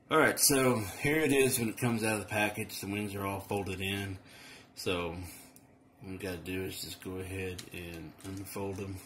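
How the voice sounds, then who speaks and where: A man with a very low voice talks through a toy unboxing at home. He rambles easily, filling pauses with "uh" and "um" and restarting his sentences. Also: a little hiss or hum. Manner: relaxed, rambling, many fillers and restarts. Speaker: toy reviewer. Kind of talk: casual unboxing review.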